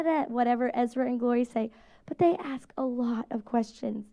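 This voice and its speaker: High-voiced woman pastor preaching casually. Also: muffled recording. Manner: conversational, animated preaching with quoted voices. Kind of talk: sermon.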